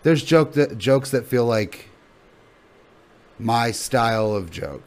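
A man's voice: medium pitch, expressive, slow. A male comedian being interviewed in a casual podcast chat, thinking aloud in rambling, sweary sentences. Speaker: stand-up comedian guest.

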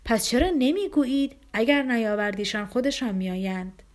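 A woman voicing an impatient young woman in an audiobook, with hurried, urgent speech. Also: fairly high pitch, darkish tone, natural voice.

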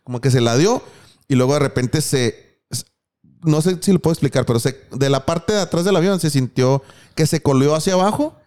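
A man's voice: a little high, brisk, a little mellow. A young man with a Mexican accent, telling a crude, slang-filled story in casual chat. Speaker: podcast co-host.

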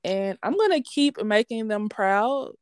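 A woman's voice: medium pitch, a little slow, smooth, no echo. A young woman, talking candidly and animatedly about her sports podcast in a casual interview. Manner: candid, slangy, animated storytelling.

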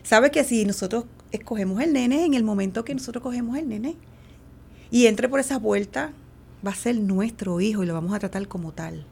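A middle-aged woman speaks as an interview guest, telling a personal story. Her voice is pitched a little high and is full of heavy vocal fry. She acts out the dialogue she quotes and fills her pauses with hesitations. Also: a little mellow.

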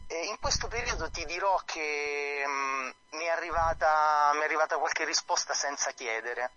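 A man speaking as a guest author on a radio show over a phone line, talking in a hesitant, halting way with many fillers. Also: a little high, bright, forceful tone. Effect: heard over a phone line. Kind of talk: live radio interview by phone.

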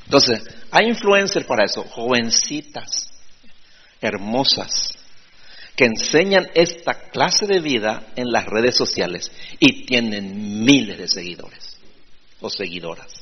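A man's voice: mid-range voice, lively intonation, slow pace, slightly rough. A man preaching a conversational sermon, often calling listeners brother and adding tag questions. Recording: dull lo-fi sound with long hall reverb.

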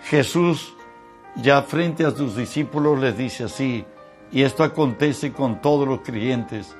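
Preacher guy reading scripture real slow, faint music behind him. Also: mid-range voice. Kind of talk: sermon.

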